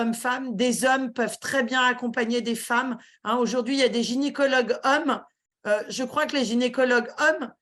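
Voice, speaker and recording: A woman giving a talk on a webinar, halting often with fillers and restarts. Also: on the high side, fairly bright tone. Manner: hesitant, many fillers and restarts. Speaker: guest speaker.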